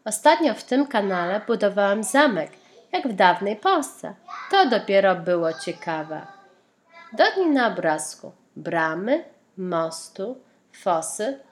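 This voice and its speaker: A woman reads a children's picture book aloud in a voice of middle pitch. She runs through the story, reads the characters' lines, and stops often to ask the young listener questions and riddles about the pictures. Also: very animated, slow pace, slight background noise. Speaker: storybook reader.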